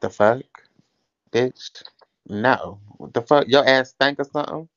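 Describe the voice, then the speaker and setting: A man's voice: medium pitch, a little slow, a bit bright, no room sound, lo-fi sound. A man from Mississippi, hosting a livestream with crude, teasing, swear-heavy banter. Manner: brash, teasing, swears a lot. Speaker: livestream host.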